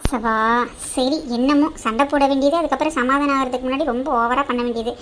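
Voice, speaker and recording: A woman voicing a bossy elder sister-in-law in a cartoon drama, brisk and teasing, with a scheming side. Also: high voice, steady tone, background noise, natural voice.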